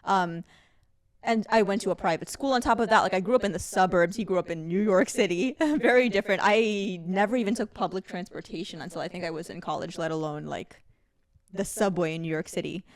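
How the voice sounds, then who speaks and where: Chatty woman co-host, low voice, dry sound. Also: fairly quick, no room sound. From India. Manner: reflective, chatty, many fillers. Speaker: podcast co-host. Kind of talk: casual conversation.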